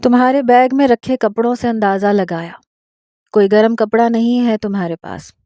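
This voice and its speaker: Woman doing a gentle old imam, unhurried, warm and patient. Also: a little high, no echo, clean studio sound, lightly acted. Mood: tender. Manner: slow, soothing, gently persuasive. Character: kind old male mosque imam, patient and fatherly.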